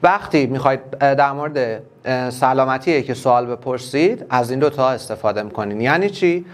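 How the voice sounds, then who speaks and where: A man with a Persian accent teaching an English class online, explaining each word step by step and repeating it slowly. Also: mid-range voice.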